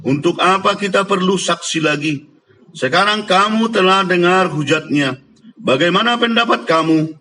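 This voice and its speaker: A man reading the lines of the high priest, a stern older male interrogator, in a deliberate, solemn way. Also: expressive, sharp tone, heavily acted.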